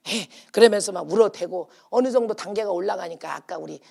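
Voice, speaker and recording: A woman's voice: a little fast, vocal fry. Emphatic woman pastor preaching. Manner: emphatic, animated, swings between loud calls and low asides. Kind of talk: sermon with sung hymn lines. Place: prayer retreat chapel.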